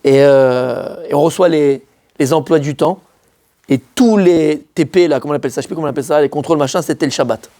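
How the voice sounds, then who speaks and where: A rabbi from France tells a personal story with a lot of energy. His voice sits fairly high for a man. He keeps jumping up in pitch to act out his own words. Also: quick pace, mellow. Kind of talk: animated storytelling talk.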